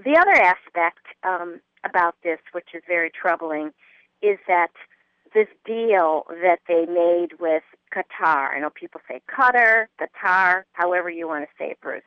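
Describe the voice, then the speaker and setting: A woman's voice: fairly low pitch, normal speed, no room sound. A woman guest on a political talk radio show, speaking earnestly and growing indignant. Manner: earnest, rising to indignant emphasis. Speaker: guest commentator. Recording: muffled phone-line audio.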